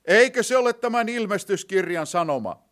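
A man's voice: sits high, animated. Man preaching with rising and falling emphasis. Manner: rhetorical questions, swelling emphasis and dropping to hushed phrases. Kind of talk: sermon.

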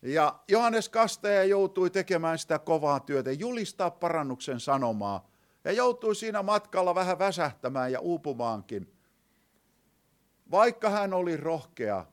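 A man preaching a sermon, asking the congregation rhetorical questions and alternating between loud emphasis and hushed phrases. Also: medium pitch.

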